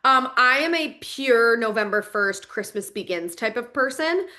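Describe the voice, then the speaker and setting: A woman co-hosting a podcast, bubbly and enthusiastic with slangy turns of phrase. Her voice is fairly high and strikingly bright. She speaks with an upbeat, gushing energy. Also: animated, measured pace. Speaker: podcast co-host. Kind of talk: casual chat.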